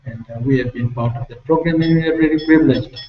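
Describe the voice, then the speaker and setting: A man from Fiji, answering questions on a video call with earnest, grateful, slow explanations. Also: fairly high pitch, slight background noise. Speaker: guest. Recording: echoey, distant, muffled video call.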